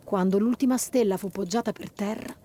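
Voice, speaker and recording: A woman reading a children's story aloud, lively and expressive. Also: mid-range voice, brisk, slight background noise.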